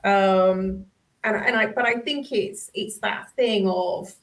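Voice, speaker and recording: Slow, thoughtful woman hosting on a call. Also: mid-range voice, poor audio. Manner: thoughtful, searching for words. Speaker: host. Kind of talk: reflective conversation. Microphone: video call.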